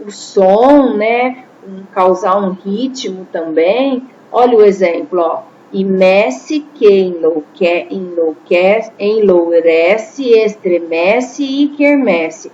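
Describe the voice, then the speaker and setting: A woman teacher, explaining a lesson patiently and checking in with her listeners. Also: fairly high pitch. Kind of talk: classroom lesson. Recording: slightly dull lo-fi audio with faint noise.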